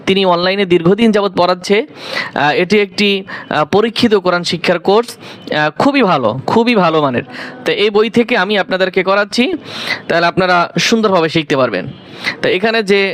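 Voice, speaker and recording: A man with a fairly high voice and a Bangladeshi Bengali accent teaches beginners to read the Quran. He drills each syllable slowly and repeats it over and over. He speaks like a patient classroom teacher. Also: a bit bright. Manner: slow, repetitive drilling of syllables. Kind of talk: step-by-step recitation lesson.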